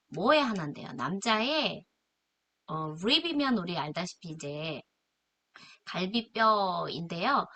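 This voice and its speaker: A woman's voice: mid-range voice, sharp tone. A woman teaching English through a Bible chapter, chatty and full of rhetorical questions. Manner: chatty, asks rhetorical questions, laughs at herself. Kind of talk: casual lecture explaining scripture and English.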